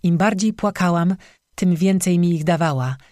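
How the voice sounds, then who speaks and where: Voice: medium pitch, moderate pace, darkish tone, no echo, natural voice. An audiobook narrator voicing a young cursed strzyga woman who confesses bitterly through tears, recorded dry and close. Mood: tearful. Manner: bitter, tearful confession with sobbing.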